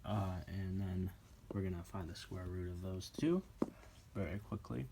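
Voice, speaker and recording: A teenage boy with a low, gravelly male voice tutors a classmate through math at home, slow, offhand and joking as he writes on paper and snacks. It's a casual homemade walkthrough recorded indoors, with background noise.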